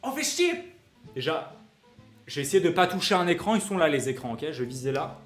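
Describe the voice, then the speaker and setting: A young man streams from his home kitchen, joking with his chat in a high, lively voice that swings up and down. He often moves away from the mic, and faint music plays behind him. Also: moderate pace. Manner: excitable, jokey, reads chat aloud. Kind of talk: live-stream cooking chat.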